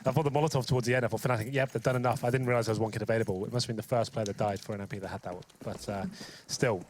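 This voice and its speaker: A man's voice: fairly low pitch, steady tone, very fast. A man breaks down the tactics of a shooter match at a breakneck pace, in a casual, analytical way with plenty of fillers. Faint game noise sits behind his voice. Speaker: color commentator. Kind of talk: esports analysis commentary.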